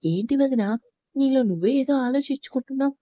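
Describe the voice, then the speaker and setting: A woman's voice: high voice, animated, a little fast, mellow, no echo, lo-fi sound. A woman reading a teasing young sister-in-law. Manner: playful, reassuring.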